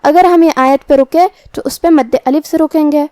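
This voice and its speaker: A woman teaching Quran recitation, explaining each letter methodically and then reciting the verses slowly. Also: sits high, steady tone, mellow, dry recording.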